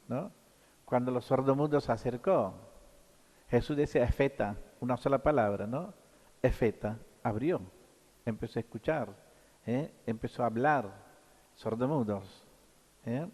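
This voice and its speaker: Priest preaching in a reverberant church. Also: male voice, medium pitch, darkish tone. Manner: halting, with frequent tag questions. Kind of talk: sermon at Mass.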